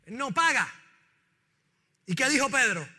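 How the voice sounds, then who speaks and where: A man preaching a sermon as pastor, animated and drawing responses from the congregation. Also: very high voice, a little slow, breathy edge, in a large hall. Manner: animated preaching, calls on the congregation to repeat lines.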